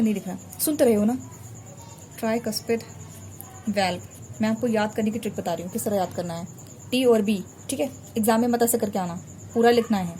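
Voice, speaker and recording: A woman with a fairly high but mellow, warm voice runs a biology revision lesson. She draws as she talks and patiently repeats each key term to drill simple memory tricks. A faint hiss sits behind her. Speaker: biology teacher. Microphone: recorded while drawing a diagram on a board.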